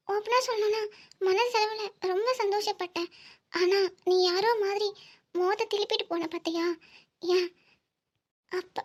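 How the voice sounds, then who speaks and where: A woman voicing a very high, heartbroken cartoon girl. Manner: emotional, pleading. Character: heartbroken young woman in love, sensitive and proud. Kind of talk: cartoon voice acting.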